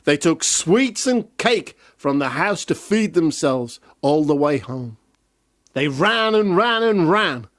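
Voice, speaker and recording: A man's voice: a little high, no echo, clean studio sound. A man reading a children's fairy tale aloud in a playful way with jokey asides. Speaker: storyteller.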